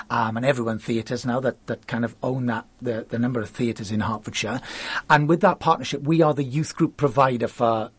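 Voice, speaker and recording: Husky, chatty man with a Welsh accent. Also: medium pitch, no echo. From Wales. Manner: enthusiastic, chatty, quick bursts. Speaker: youth theatre school founder, guest. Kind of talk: conversational interview.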